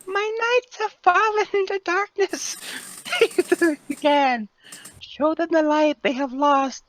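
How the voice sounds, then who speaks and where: A game master voicing a shrunken male fire dragon that hisses out a solemn message, his voice run through a voice changer that pitches it way up. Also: fairly even intonation, slow, a bit bright, full character voice. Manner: hissing, solemn pronouncement. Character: small shrunken fiery male dragon messenger. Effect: voice changer pitching the voice far up.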